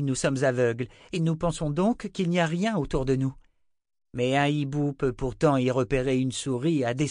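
A man's voice: on the high side, dry recording, clean studio sound, voice pushed up, natural voice. A man reading an audiobook voices a strange, earnest young man who pleads and lectures. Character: strange, fervent young man, anxious and preachy.

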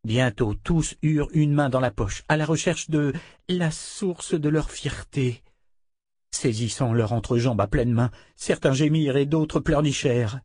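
A man narrating a French fantasy audiobook in a calm, measured storytelling voice on a close mic. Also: medium pitch, no echo.

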